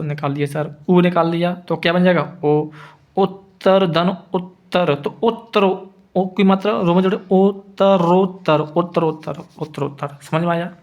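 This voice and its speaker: Slow, patient man teaching grammar. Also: on the high side. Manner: patient, repeats each word slowly, asks and answers his own questions. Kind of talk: grammar lesson.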